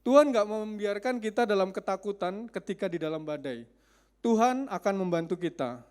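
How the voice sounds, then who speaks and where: A man's voice: sits high, lively intonation, moderate pace, darkish tone. A male preacher giving a conversational sermon, often putting questions to his congregation.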